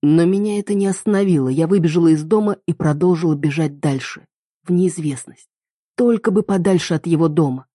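A woman narrates a first-person story in a steady, expressive way. Her voice is low and mellow. The recording is dry and close. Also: a little fast, no room sound. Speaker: reader.

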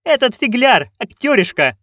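A man voicing a haughty, scheming duchess in an audiobook, with a commanding, sharp manner. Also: very high voice, sing-song, normal speed, no echo, studio quality, pitched above the performer's own voice, full character voice. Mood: imperious. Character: haughty shrill noblewoman, imperious and scheming. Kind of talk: audiobook character voice.

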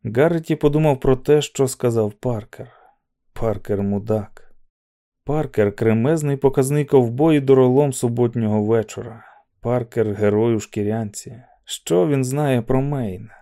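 Mellow-voiced man narrating a novel. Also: medium pitch, measured pace. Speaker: audiobook narrator. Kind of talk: literary audiobook narration.

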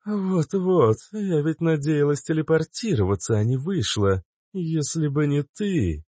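Guy doing a tough fighter woman, slow groany cursing, bit higher than his voice. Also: lively intonation, dark tone, husky, no echo, studio quality. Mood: regretful.

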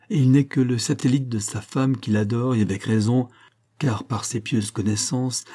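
A man voicing a Parisian painter who gives a friend's wife calm, confiding advice in a storybook reading. His voice is low, dark and husky. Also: close to an everyday voice. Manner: confiding, gently advising. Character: Parisian painter, older friend, measured and warm.

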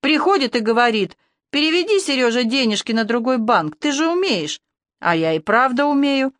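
A woman's voice: on the high side, very animated, moderate pace, a bit bright, dry recording, studio quality, voice pushed up. A woman voicing a whiny, childish young man who whimpers and pleads in an audiobook. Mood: whining. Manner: whining, tearful, pleading.

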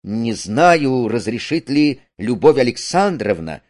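A man voicing an excitable, pompous young man in love who speaks in ceremonious declarations. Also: mid-range voice, slow. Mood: excited.

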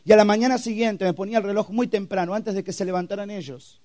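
A young man preaches to a youth camp. He tells his testimony with sound effects and acted quotes, swinging from loud to hushed. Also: high voice, quick pace. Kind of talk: testimonial sermon.

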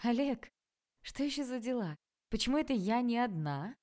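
A woman's voice: on the high side, animated, moderate pace, a little mellow, voice pushed up, lightly acted. A woman voicing a playful, teasing young woman with dreadlocks who giggles at the scene.

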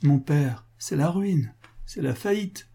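A man's voice: medium pitch, steady tone, moderate pace, warm tone, breathy edge. A man voicing a desperate, ruined merchant who stammers through convulsive sobs in an audiobook reading. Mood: anguished. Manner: sobbing, stammering, anguished.

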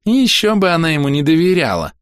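A man's voice: on the high side, very animated, quick pace, no echo, clean studio sound, pitched above the performer's own voice. A man voicing a spiteful fox-tailed young woman who snarls and sneers in a raised voice. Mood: venomous. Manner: snarling, venomous.

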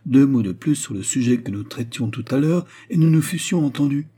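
A man's voice: medium pitch, lively intonation, brisk, dark tone, husky, voice pushed up. A man voicing a courtly cardinal in an audiobook reading, speaking in an earnest, pleading, courteous way.

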